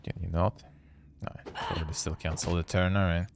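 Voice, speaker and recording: A man's voice: deep voice, flat delivery, normal speed, a little hiss or hum. A man giving casual game commentary and reading story text aloud as a streamer.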